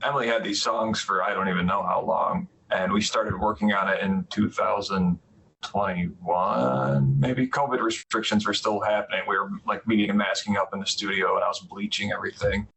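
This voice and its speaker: A man's voice: on the low side, little pitch movement, normal speed, vocal fry, fairly bright tone, breathy edge, poor audio. A man who produces music, chatting in an easygoing way and laughing as he talks. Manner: easygoing, laughs while talking. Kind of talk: casual interview chat.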